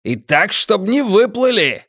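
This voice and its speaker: A man's voice: sits high, big pitch swings, a little slow, fairly bright tone, no echo, studio quality, voice pushed up, heavily acted. A man doing a blustering, swearing publisher. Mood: furious. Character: foul-mouthed, bullying middle-aged publisher. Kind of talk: audiobook character voice.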